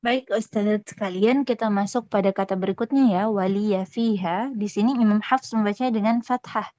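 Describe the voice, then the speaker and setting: A woman presenting part of a recitation lesson to her fellow teachers, explaining readings slowly and politely. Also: mid-range voice, darkish tone, no echo, highs cut off. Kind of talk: student presentation.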